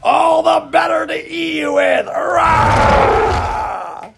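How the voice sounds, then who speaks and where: A man voicing a wolf who poses as an old grandma, in a strange, wobbly, high voice. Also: very animated, unhurried, gravelly, over a noisy crowd, very noisy, full character voice. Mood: menacing.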